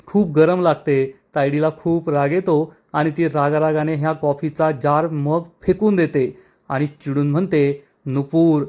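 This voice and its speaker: A man narrating a recap of a TV serial episode in a steady storytelling way. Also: on the high side.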